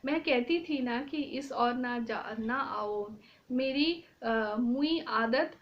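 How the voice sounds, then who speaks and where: A woman reading the lines of a cheerful sister-in-law who laughs loudly, from a play. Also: fairly high pitch, very slow, slight background noise. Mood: fretful. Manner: read aloud plainly from a play. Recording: dull lo-fi recording.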